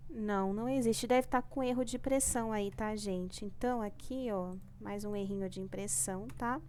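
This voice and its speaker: A woman's voice: mid-range voice, fairly even intonation, normal speed, a little mellow, a little hiss or hum. A woman teaching a primary class remotely with a Brazilian Portuguese accent, patient and repetitive, stretching out key words and checking in often.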